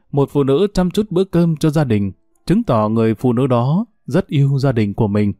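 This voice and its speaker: A male storyteller reads at a steady, reflective pace. His voice is mellow and dry, with faint music running quietly underneath. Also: medium pitch, dry recording. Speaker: narrator. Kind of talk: storytelling narration.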